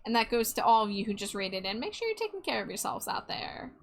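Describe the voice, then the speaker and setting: A woman hosting a casual art livestream, chatting with viewers in an expressive, welcoming way. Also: fairly high pitch, fast, gravelly. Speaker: streamer, host of an art livestream. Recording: music behind the voice. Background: music.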